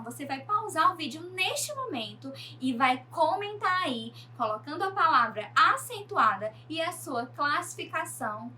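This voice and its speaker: A woman teacher from Brazil giving a recorded online lesson, speaking slowly and with emphasis, addressing her pupils directly. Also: sits high, bright, forceful tone, recorded from a distance.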